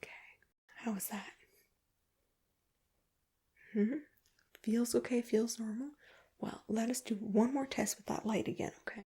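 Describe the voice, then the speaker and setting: Soft-spoken woman in a soft ASMR ASMR role-play. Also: on the high side, steady tone, a little slow, long pauses, slightly rough. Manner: gentle, reassuring personal attention. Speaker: ASMR performer playing an ear examiner.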